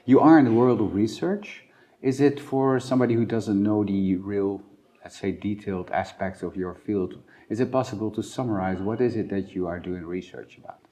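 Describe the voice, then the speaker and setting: A man's voice: fairly low pitch, normal speed, warm tone. A man interviewing a guest at a conference, asking questions and encouraging with short affirmations.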